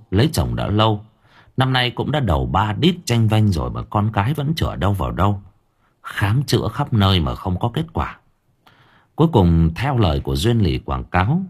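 A man narrating a story in a colloquial, wry and lively way. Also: low-pitched, husky. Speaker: audiobook narrator.

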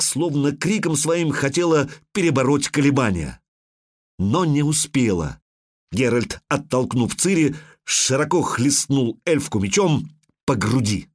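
A man narrating a fantasy audiobook with dramatic delivery, slowing down on violent moments, close on a microphone. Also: medium pitch, no room sound.

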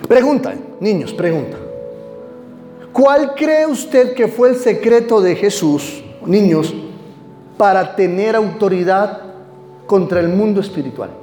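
High-voiced preacher in an echoey hall. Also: male voice, lively intonation, slow pace, dark tone, soft background music. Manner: emphatic, reads scripture aloud and quizzes the congregation. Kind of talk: sermon.

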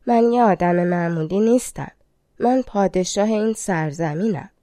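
A woman reading the lines of a proud, quick-tempered king in a storybook, close to her own mellow voice. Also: mid-range voice, no room sound, close to an everyday voice. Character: proud middle-aged male king, quick to anger.

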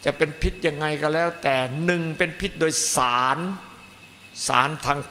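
A man's voice: fairly high pitch, level tone, normal speed, sharp tone. A man, a Buddhist monk teacher, giving a dharma talk and stressing points by piling up repeated phrases. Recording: echoey hall, faint noise.

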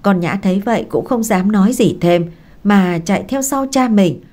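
A woman narrating a story in a steady, expressive audiobook reading. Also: mid-range voice, normal speed.

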